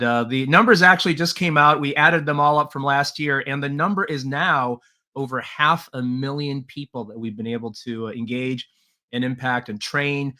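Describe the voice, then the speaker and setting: With a medium-pitched voice and a sharp tone, this leadership trainer from Taiwan, a middle-aged man, tells his life story as a podcast guest. The interview is relaxed and earnest, sprinkled with frequent "uh" sounds and soft laughter.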